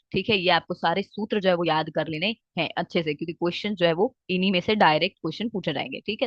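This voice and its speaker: A woman teaching a lesson, often pausing to check in with "theek hai" and reciting verses slowly. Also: fairly low pitch, no room sound. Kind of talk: explaining lesson with Hindi-English mix. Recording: dry, slightly dull recording.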